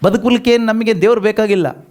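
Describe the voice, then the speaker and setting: With a high-pitched, darkish voice, a fast-talking man delivers a sermon. The congregation reads scripture aloud and he repeats each line after them, mixing in rhetorical questions.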